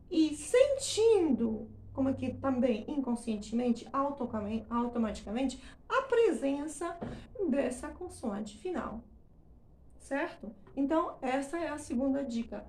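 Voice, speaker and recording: High-voiced, unhurried woman teacher. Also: darkish tone, reverberant. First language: Portuguese. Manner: emphatic, drawn-out demonstrations of words; checks in with frequent "tá?" and "certo?". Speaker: English pronunciation teacher. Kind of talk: explanatory lesson.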